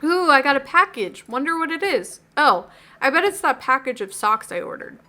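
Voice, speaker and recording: A woman's voice: high-pitched, expressive, normal speed, sharp tone. A woman hosting a video game playthrough, reading dialogue aloud expressively with playful asides and commentary. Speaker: video game let's-play host.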